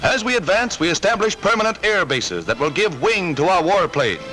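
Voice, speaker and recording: A man's old newsreel narration, pitched high and swinging up and down with lively emphasis. His delivery is brisk and punchy, a 1940s wartime announcer's voice. Loud music plays under every line. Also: poor audio. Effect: old newsreel soundtrack.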